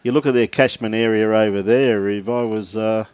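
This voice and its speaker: A man's voice: lowish voice, steady tone, normal speed, a little mellow, clear, resonant tone, dry recording. A man with an Australian accent commentating a lawn bowls match, joking and laughing often as he reads out viewer messages. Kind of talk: live sports commentary, chatty.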